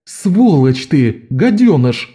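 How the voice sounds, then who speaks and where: A man's voice: mid-range voice, expressive, normal speed, dark tone, natural voice. A man voicing Jean, a blunt, protective adult male thief, firm and commanding. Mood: anguished.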